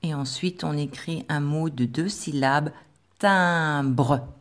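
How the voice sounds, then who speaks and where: Slow, patient woman teacher. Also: sits low. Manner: slow, patient, over-articulated dictation. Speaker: primary school teacher. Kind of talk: slow dictation lesson for children.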